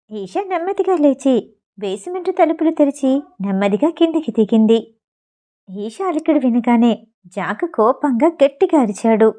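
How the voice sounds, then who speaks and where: A woman narrating an audio novel in a steady, even storytelling manner. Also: a little high.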